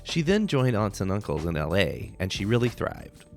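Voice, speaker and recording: A man hosting a podcast, introducing a guest in measured narration and then interviewing her with brief murmured acknowledgments. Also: lowish voice, big pitch swings, creaky, faint music behind. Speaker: podcast host.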